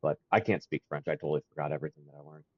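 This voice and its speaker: A man in his thirties co-hosting a podcast, talking casually, animated, stumbling over restarts and laughing often. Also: rumbling low, rapid-fire, breathy edge, no echo, dull audio. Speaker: podcast co-host. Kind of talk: casual chat.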